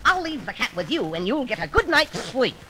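Daffy Duck: a sly squawking cartoon duck. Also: male voice, big pitch swings, brisk, noisy background. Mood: scheming. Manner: wild pitch leaps, sly and scheming. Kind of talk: vintage cartoon radio acting. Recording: old archive clip under loud music.

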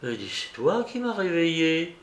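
A man's voice: very animated, a little slow, roomy sound. A man voicing a fussy, devout elderly aunt in an audiobook, fretful and scolding in a raised voice. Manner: fretful, scolding, pitched up high.

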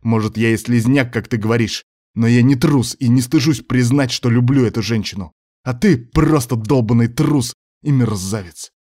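A male reader voicing a man who urgently shouts at his drunk brother and defends the woman he loves. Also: medium pitch, moderate pace, natural voice. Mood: heated.

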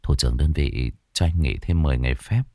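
Guy as soft sad young husband, deep low voice, comforting, dry close sound. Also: animated, normal speed, no echo. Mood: gentle consoling. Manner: low, gentle, consoling. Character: gentle young soldier husband, sad and patient.

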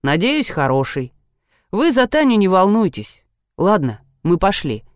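A woman's voice: lowish voice, sing-song, measured pace, dry recording, clean studio sound. A woman voicing a blunt young male doctor who speaks curtly.

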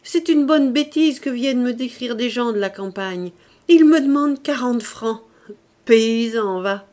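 A woman reading an audiobook, voicing a proud, excitable young seamstress in high, loud outbursts. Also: moderate pace, natural voice. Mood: scornful laughing.

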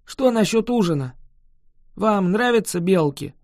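A reader voicing a chatty, boastful male dragon who huffs and protests loudly in an audiobook. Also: mid-range voice, animated, a little slow, no echo, studio quality. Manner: indignant, emphatic, loud. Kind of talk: audiobook character voice.

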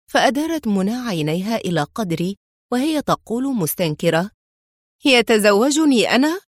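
A woman's voice: medium pitch, dry recording. Woman narrating a novel, dry sound.

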